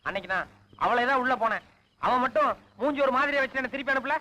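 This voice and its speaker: An actor playing a bossy, stubborn elder brother in a village comedy, brusque and bickering. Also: male voice, very high voice, fast, pushed and bright, exaggerated voice, low-quality recording. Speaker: head of the family, elder brother. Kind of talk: 1980s film comedy acting.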